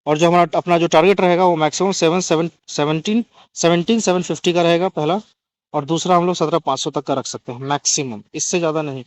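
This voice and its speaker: Hindi-speaking man explaining charts, high voice. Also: fairly even intonation, fast. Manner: repeats "ठीक है" to check understanding. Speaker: market analyst.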